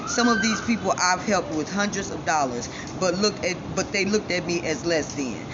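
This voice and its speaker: With lively intonation and a moderate pace, this fairly low-voiced woman addresses her viewers head-on in a self-assured, defiant monologue about herself. She's a vlogger from Chicago whose missing front teeth color her speech, recorded in dull lo-fi sound amid loud ambient noise.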